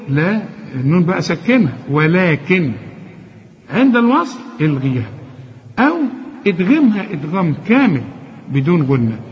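A man with an Egyptian accent teaching Quran recitation one-on-one. He corrects his student, chides him mildly, and recites words slowly as models. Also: high-pitched. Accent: Egyptian Arabic. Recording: dull lo-fi recording with long reverb.

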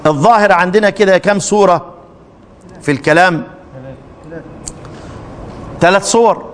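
Man, Egyptian accent, recitation lesson, high-pitched, reverberant hall, chants verses, asks questions. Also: normal speed, slight background noise. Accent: Egyptian Arabic. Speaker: Quran recitation teacher. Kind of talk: explaining a recitation poem to students.

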